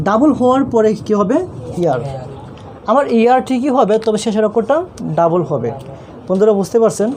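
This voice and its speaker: A male teacher with a high, mellow, warm voice and a Bangladeshi Bengali accent explains grammar rules in an online classroom lesson. He patiently repeats himself, posing questions and answering them on his own, while faint traffic hums in the background.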